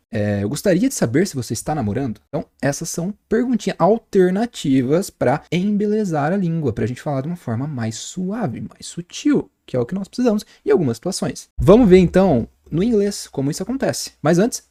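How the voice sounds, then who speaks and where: Brazilian man, English teacher, fairly high voice, mellow tone, lively lesson. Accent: Brazilian Portuguese. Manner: lively, teacherly, spells out sounds slowly.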